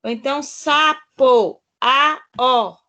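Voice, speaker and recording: A woman's voice: high-pitched, takes it slowly, bright, forceful tone, highs cut off. A woman student answering in class, tentative and hesitant.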